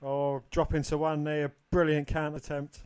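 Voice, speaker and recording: Male podcast co-host, slightly high voice, steady play-by-play commentary. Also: normal speed, clear, resonant tone. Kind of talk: wrestling commentary.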